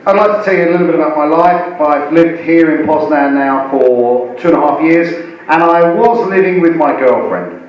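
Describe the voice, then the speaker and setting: Male stand-up host, forties, halting delivery with repetitions, recorded at a distance in a very reverberant venue. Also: fairly high pitch, dull audio, a little hiss or hum. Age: 40s. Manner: halting, repeats words and phrases. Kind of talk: live stand-up comedy with audience banter. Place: indoor comedy venue. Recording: echoey live room, distant mic.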